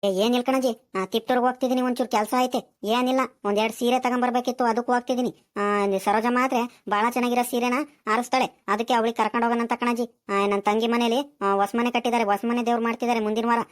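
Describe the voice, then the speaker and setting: A woman's voice: fairly high pitch, steady tone, natural voice. A woman voicing an eager village neighbor in a cartoon, with a persistent, pleading manner. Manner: persistent, pleading, many drawn-out fillers. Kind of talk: cartoon voice acting.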